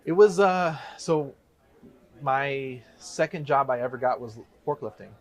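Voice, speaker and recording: A man in his thirties from the Chicago area, working in real estate investing, tells his story as a guest in a casual interview. His mid-range voice moves at a measured pace while he rambles and corrects himself.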